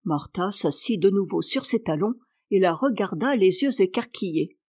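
A woman narrates a storybook in a clear, even reading voice at a middle pitch. She moves steadily through the story, lifting her tone slightly for the dialogue around it. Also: normal speed, no room sound. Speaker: audiobook reader.

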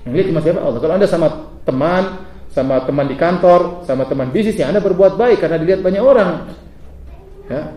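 A middle-aged man preaching a sermon to a live audience, lively and humorous, often asking the crowd questions. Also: sits high, fast. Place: lecture hall with audience. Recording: echoey hall, mic at a distance.

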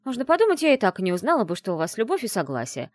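A woman's voice: mid-range voice, wildly swooping pitch, racing, no echo, studio quality, pitched above the performer's own voice. A woman voicing a teasing young witch friend in an audiobook, in a playful, mocking manner. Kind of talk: audiobook character voice.

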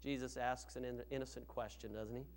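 A man's voice: medium pitch, flat delivery, brisk, a little mellow. A man preaching a sermon as pastor in a church, emphatic and asking rhetorical questions.

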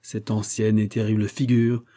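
A man's voice: on the low side, flat delivery, normal speed, warm tone, natural voice. A man reading the part of a feverish, eloquent young man in an audiobook, declaiming a long speech.

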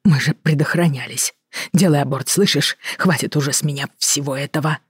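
A man voicing an irritable, tired older lover who speaks in a hushed, annoyed whisper, in an audiobook reading. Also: a little high, brisk, breathy edge, dry recording, studio quality. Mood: irritated whisper.

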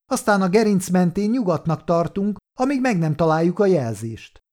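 A man's voice: sits high, expressive, darkish tone, pitched above the performer's own voice. A man reading an audiobook who voices a young, defiant, scheming nephew that stammers when cornered. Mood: defiant, boastful.

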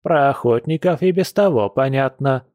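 A man's voice: medium pitch, a little mellow, no room sound, clean studio sound, natural voice. A man voicing a grumbling, crafty old village grandmother in an audiobook, drawing out her words in a folksy, wheedling way. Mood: anxious, hushed. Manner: folksy, wheedling, drawn-out speech. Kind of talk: audiobook character voice.

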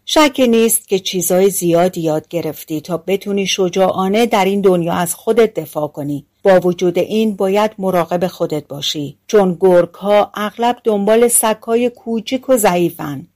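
Careful dad sparrow from a storybook, earnest warnings, a touch deeper, voiced by a woman. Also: hardly any pauses, darkish tone, lightly acted. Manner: earnest warning fatherly advice. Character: wise cautious father sparrow.

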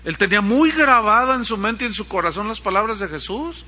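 Bright-voiced male preacher, conversational. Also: sits high, brisk. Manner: conversational preaching with asides to the congregation; animated storytelling, acting out quotes. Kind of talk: sermon.

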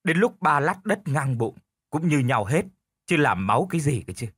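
A man's voice: a little high, sing-song, moderate pace, a bit bright, husky, dry recording, studio quality, pitched above the performer's own voice, heavily acted. A man voicing a lazy, stubborn old village husband who argues back smugly. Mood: stubborn bickering. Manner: stubborn, quarrelsome.

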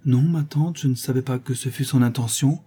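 Sincere young girl in an audiobook, man doing her voice, mellow and a bit husky. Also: medium pitch, brisk, voice pushed up, natural voice. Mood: earnest. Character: young woman, earnest, sincere orphan.

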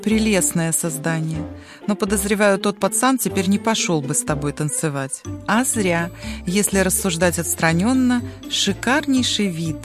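A woman's voice: medium pitch, normal speed, music in the background, lightly acted. A woman voicing a brash, bossy girl turned into a dragon, mocking and domineering. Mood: boastful.

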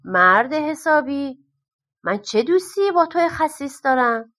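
A sharp-witted peasant farmer grumbles and talks back bluntly in a folk-tale storybook, as a woman reader plays him. His voice sits a touch high and lively. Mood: grumbling. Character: clever plain-spoken peasant farmer, grumbling.

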